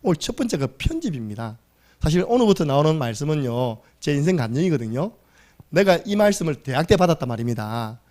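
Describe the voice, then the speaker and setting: A man's voice: a little high, sing-song, fast talker, darkish tone. A male pastor giving a Sunday sermon, emphatic and exclamatory, firing rhetorical questions at the congregation. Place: church sanctuary.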